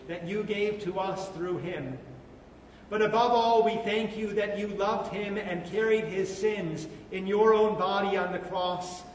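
A man leading funeral prayers as a pastor, with a slow, solemn liturgical delivery and a cathedral echo booming around the large church. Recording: echoey church hall from far off, with background noise.

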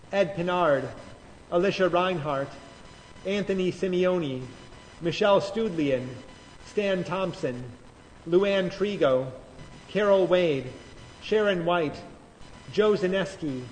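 Slow high pastor in cathedral echo. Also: male voice, a little mellow, slight background noise. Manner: slow, measured liturgical cadence. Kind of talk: leading liturgical prayers. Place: large church. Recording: long church reverb, faint music.

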